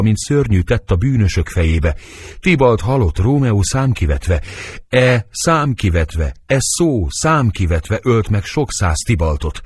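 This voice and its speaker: A man's voice: fairly low pitch, a little mellow, breathy edge, no room sound, studio quality. A man reading the part of young Juliet, anguished and passionate, in dramatic verse.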